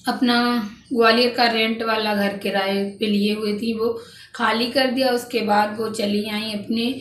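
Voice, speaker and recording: A woman vlogger narrating family gossip in a casual, chatty way to her viewers, often saying "guys" and restarting her sentences. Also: on the high side. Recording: echoey room, distant mic, faint background noise.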